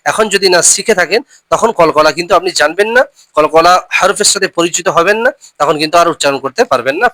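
A male teacher walks his students through recitation rules step by step, spelling out letters and syllables slowly before repeating them. His voice is bright and a little high. The recording is dry and close, with no room sound around him. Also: no room sound, poor audio. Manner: reminds listeners often to remember the rules.

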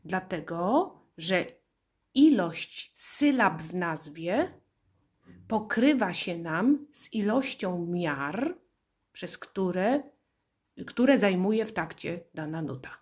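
Patient woman teaching rhythm, slow and breathy. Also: lowish voice, expressive. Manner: patient, spells out syllables and counts aloud. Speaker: music teacher. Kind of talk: slow, deliberate classroom explanation.

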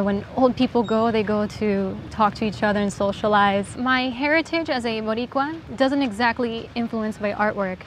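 A woman from Puerto Rico talks about her art in a calm, reflective interview. Her voice sits at a middle pitch. Faint outdoor ambience runs behind her. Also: a little hiss or hum, rough recording. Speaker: artist. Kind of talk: interview monologue.

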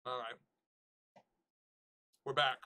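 A man's voice: medium pitch, level tone, slow pace, pushed and bright. A man streaming a shooter game, joking and chatting playfully with his viewers. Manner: playful, jokey, talks to chat. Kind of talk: casual gameplay commentary.

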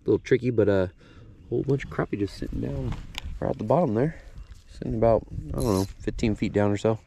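A fishing channel host talks fast in a creaky, dark-toned voice, giving casual, upbeat commentary from a boat while he fishes. It's recorded outdoors on an action camera with slight background noise, and his laid-back manner comes with a lot of "boom."

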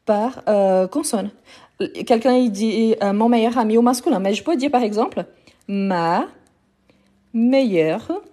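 Woman, Brazilian accent, French teacher, live grammar lesson, warm mellow tone, slightly breathy, patient repetition. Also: mid-range voice. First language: Portuguese. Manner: patient, repeats examples slowly.

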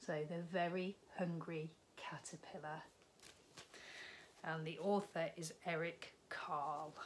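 A primary school teacher with a deep voice reads a picture book aloud to children from her living room at home. She reads slowly and expressively, with lively rises on key words, and there's slight background noise.

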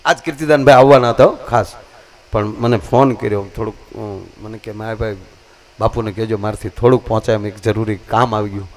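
A man's voice: fairly low pitch, fairly even intonation, fairly quick. A man from Gujarat, telling comic folk stories on stage and shifting his voice for each character. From Gujarat, India. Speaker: dayro storyteller. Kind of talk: live comic folk storytelling.

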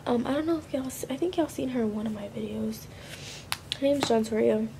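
A woman's voice: fairly high pitch, fairly quick, vocal fry, warm tone, slight background noise. A young woman in her twenties chatting casually to camera while sick, her voice stuffy and nasal, rambling in slangy speech. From Florida. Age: 20s. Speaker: lifestyle vlogger. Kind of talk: casual vlog chat to camera.

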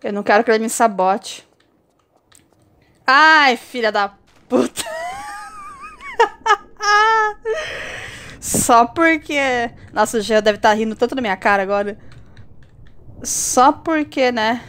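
A woman with a Brazilian Portuguese accent giving casual, expressive commentary over her own gameplay, chatty and quick to swear. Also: on the high side. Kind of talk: casual let's-play commentary.

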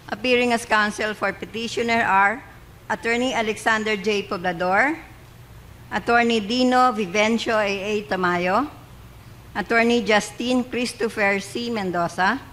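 A middle-aged Filipino-accented woman reads a formal roll as clerk of court. Her pitch is average for a woman, and she enunciates each name deliberately. Faint noise of the hall sits behind her. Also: a bit bright. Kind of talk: formal roll call, reading case titles and names aloud.

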